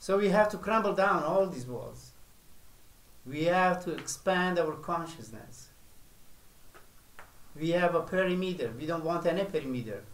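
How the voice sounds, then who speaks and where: A male spiritual teacher preaches slowly and deliberately, leaving long pauses between phrases. His expressive voice sits a little high for a man, and the room echoes around him.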